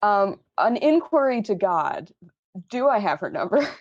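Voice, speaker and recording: A woman's voice: medium pitch, sing-song, dull audio. A woman playing a tabletop game in casual chat, speaking hesitantly with frequent restarts. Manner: hesitant, halting, laughs often. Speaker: player.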